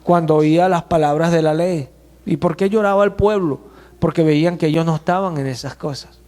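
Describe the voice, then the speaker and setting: A man preaching a sermon as pastor, emphatic and slowing to stress key words, in a church. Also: fairly high pitch, a little mellow. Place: church hall. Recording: long church hall reverb.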